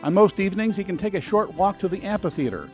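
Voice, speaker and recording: Male travel guide voice-over, slightly high, animated delivery, dry wit, soft music underneath. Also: fast. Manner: dry, lightly sarcastic asides. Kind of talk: scripted travel narration. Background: soft background music.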